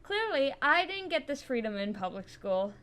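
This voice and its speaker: Teen girl doing a storytime, high voice, chatty and a bit wry. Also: sing-song, moderate pace, a bit bright. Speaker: storytime narrator. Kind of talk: scripted storytime narration.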